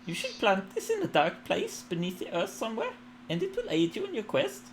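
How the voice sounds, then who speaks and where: A man voicing a gracious, gentle earth and fertility goddess in a tabletop role-play, speaking in formal, questioning phrases. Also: sits high, wildly swooping pitch, fairly quick, slight background noise, pitched above the performer's own voice, exaggerated voice. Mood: serene, gracious.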